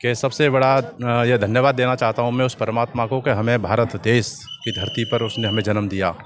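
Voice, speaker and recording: A man's voice: mid-range voice, steady tone, normal speed. A man giving devotional, patriotic remarks in a street interview, declaiming with repeated, building phrases.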